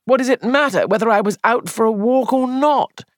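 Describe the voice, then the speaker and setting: A reader voicing a distraught young man accused of murder, pleading in a high, shaky voice. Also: animated, brisk, no echo, studio quality, natural voice. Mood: panicked. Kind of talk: audiobook character voice.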